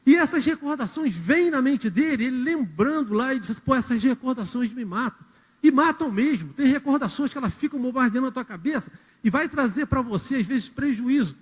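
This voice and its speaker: A man preaches in a church hall, his high voice rising and falling with lively storytelling. Long reverb from the hall trails each phrase as he speaks directly to the congregation. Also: fairly quick, husky. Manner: storytelling, acts out quotes, addresses the congregation directly. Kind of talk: sermon.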